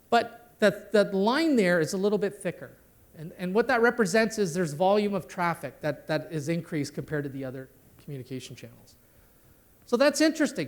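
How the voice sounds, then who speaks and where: A middle-aged man giving a conversational conference talk on network security, ending many sentences with "right?". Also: high-pitched. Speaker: conference speaker. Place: conference hall.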